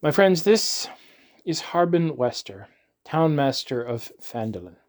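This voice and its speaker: A man voicing a steady male agent who speaks in a brisk, reassuring way. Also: fairly high pitch.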